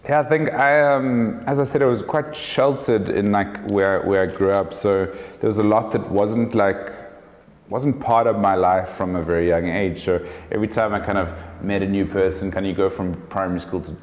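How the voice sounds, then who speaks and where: Deep-voiced South African man, relaxed. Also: moderate pace. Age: 30s. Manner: relaxed, thoughtful, many fillers and restarts. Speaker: guest, business owner. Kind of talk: casual interview. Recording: echoey room with long reverb.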